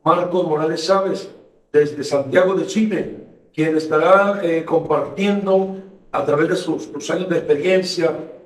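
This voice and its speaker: A pastor hosting a radio program reads scripture and speaks with a fervent, emphatic preaching cadence, his voice on the high side and unhurried. In the radio studio he sounds distant from the mic, with a roomy echo.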